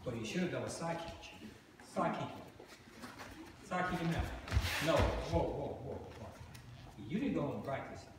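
Stern and commanding, the sixty-something man officiating children's sparring uses short barked calls, his slightly high voice expressive and moderately paced with frequent pauses. He's a martial arts teacher in a big matted indoor dojo, recorded from a distant camera amid heavy hall echo and loud background noise.

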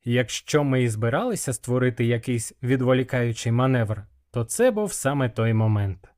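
A man narrating a fantasy audiobook in the first person, with even, measured storytelling. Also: medium pitch.

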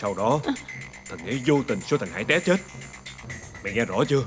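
A cold, scheming elder son, played by an actor in a TV drama. He gives his orders in a controlled, even voice. Music plays clearly behind him. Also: on the low side, moderate pace, close to an everyday voice. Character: scheming elder son who killed a man. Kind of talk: TV drama acting.

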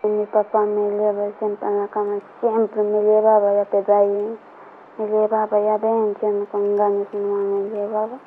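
A woman from Peru giving documentary testimony, speaking haltingly with frequent restarts and trailing phrases. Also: medium pitch, monotone. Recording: tinny phone-like audio with faint music.

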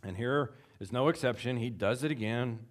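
A man preaching a sermon, acting out the quotes in his text with big jumps in voice and chuckling between points. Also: moderate pace. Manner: animated, acts out quotes with big pitch jumps. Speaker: pastor.

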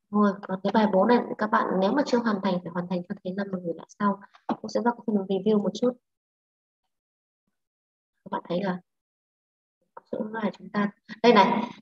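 A woman English teacher with a Vietnamese accent, leading a class online, brisk and prodding students with questions. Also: on the high side. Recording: echoey, lo-fi online class audio.

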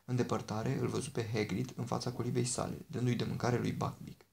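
A man narrating an audiobook in a steady, measured storytelling manner. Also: mid-range voice, creaky. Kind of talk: audiobook reading.

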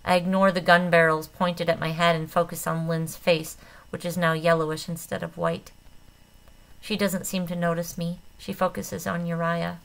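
A woman narrating an audiobook in a steady, subdued first-person voice. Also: on the low side, normal speed, creaky.

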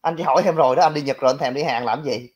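A man's voice: medium pitch, rapid-fire, husky. A man giving blunt, mocking casual political commentary, talking directly to his viewers. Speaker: livestream commentator.

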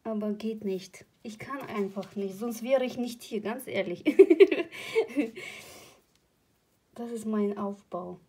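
Brief: woman vlogger, husky voice, rambling emotional chat at home. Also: a little high, takes it slowly, dark tone. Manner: chatty, rambling and emotional, laughs often. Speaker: crochet channel host. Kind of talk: casual vlog chat.

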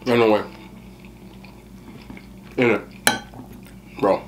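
A man's voice: lowish voice, steady tone, extremely slow, a little hiss or hum, poor audio. A man chewing while talking as he eats on camera, a slangy mukbang vlogger who keeps repeating short exclamations. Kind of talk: casual chat to camera.

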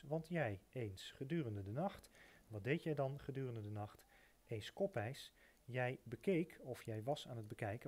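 Guy teaching a text step by step, patient, slows down on key words, mid pitch. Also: darkish tone. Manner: patient and methodical, repeats translations. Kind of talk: explaining a text line by line.

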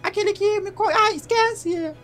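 A woman's voice: extremely high pitch, unhurried. A woman voicing a ditzy, rude, tipsy female reporter at a party in a comedy skit, theatrical and whiny. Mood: brash. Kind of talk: comedy skit role-play. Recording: music playing behind.

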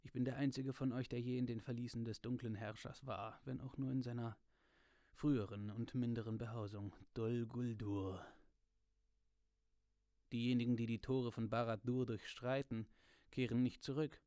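A man reading aloud voices an old, wise male wizard, speaking in a measured, calm, slightly lowered voice. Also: no room sound, studio quality, lightly acted. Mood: grave.

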